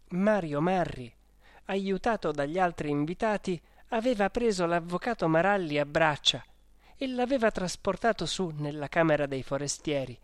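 An audiobook reader narrating a first-person diary story in a measured, even manner. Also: medium pitch, no echo. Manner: slow, measured, even reading.

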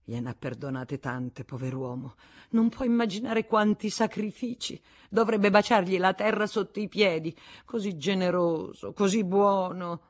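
A narrator voicing a bitter, scheming older spinster in a storybook reading, short of breath. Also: female voice, medium pitch, unhurried, lightly acted. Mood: ranting. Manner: vehement, spiteful, breathless outbursts. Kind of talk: audiobook character voice.

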